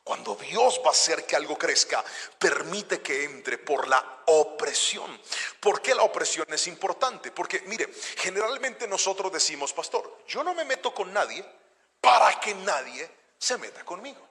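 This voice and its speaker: A middle-aged male preacher giving a sermon, moving from hushed storytelling to loud exhortation. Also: high voice, animated, unhurried. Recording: long hall reverb.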